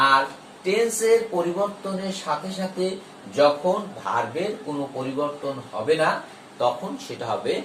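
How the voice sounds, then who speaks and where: Male grammar teacher, slightly high voice, emphatic and slow on examples; echoey room, set back from the mic. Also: a bit bright, far from the mic, slight background noise. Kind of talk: explaining a grammar lesson.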